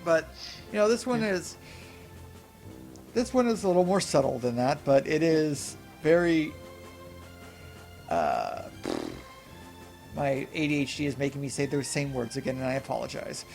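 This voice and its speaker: Rambling, higher-voiced man reviewing films. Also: moderate pace, vocal fry, pauses often, soft background music. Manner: rambling, self-correcting, animated asides. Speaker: podcast co-host. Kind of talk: casual film review chat.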